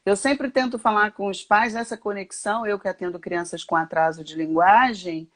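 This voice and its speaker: A woman with a Brazilian Portuguese accent, a children's speech therapist speaking as a guest in a casual conversation, reflective and halting, with many restarts. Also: mid-range voice, fairly even intonation.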